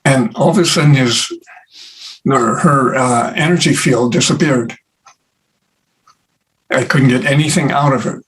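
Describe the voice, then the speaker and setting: A man who is an interview guest, telling stories in an unhurried way with many pauses and fillers. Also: mid-range voice, fairly bright tone, rough recording. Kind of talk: casual conversation.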